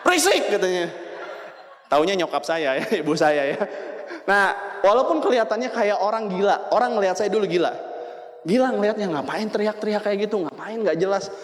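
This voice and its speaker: A young man giving a lively motivational business seminar, quizzing and joking with the audience in a hall. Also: high voice, a little fast. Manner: lively, jokes with the audience, asks questions. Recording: long hall reverb.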